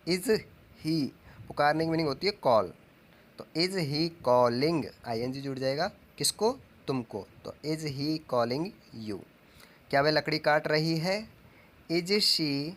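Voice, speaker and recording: A man teaching English grammar as a lesson, dictating example sentences slowly and asking questions that he answers himself. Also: a little high, fairly bright tone. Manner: asks the class questions and answers them himself. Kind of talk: classroom-style grammar lesson.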